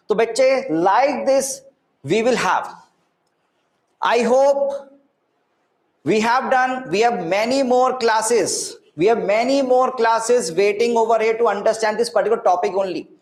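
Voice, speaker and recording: A man's voice: very high-pitched, measured pace. A man with an Indian accent teaching an interactive online physics class, repeating phrases, mixing Hindi words into English and often checking that students follow. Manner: repeats phrases, asks frequent checking questions. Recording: echoey room sound.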